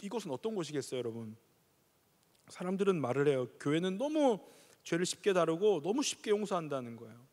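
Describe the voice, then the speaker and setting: A middle-aged man from the region of Korea, preaching to a youth congregation, animated and questioning, acting out voices. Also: a little high, brisk. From Gyeongsang region, Korea. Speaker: pastor. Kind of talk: sermon. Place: large church sanctuary. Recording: reverberant church sanctuary.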